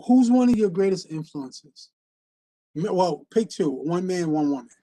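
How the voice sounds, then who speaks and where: A man hosts a casual interview and chats loosely, stacking fillers and restarting his sentences as he goes. His voice sits on the higher side for a man. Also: lively intonation, a little slow, warm tone. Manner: casual and chatty, full of fillers and repeated starts. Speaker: host.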